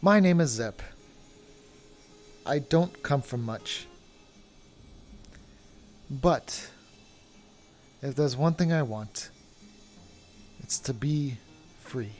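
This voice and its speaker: A man's voice: mid-range voice, lively intonation, drawn-out words, long pauses, a little mellow, faint music behind. A man playing a humble wandering traveler who wants freedom, speaking in earnest, formal phrases. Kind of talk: in-character roleplay.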